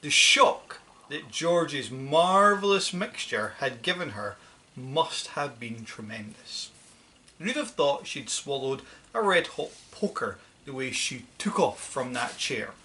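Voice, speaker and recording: A woman narrating a children's storybook with an expressive, dramatic reading. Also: rumbling low, slow pace. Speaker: audiobook narrator.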